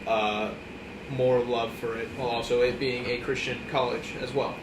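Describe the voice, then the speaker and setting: A young man, a bassist and music student, answering earnestly and haltingly with many pauses. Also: level tone. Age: young adult. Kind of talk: casual interview answers. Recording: echoey room, far mic, background hum.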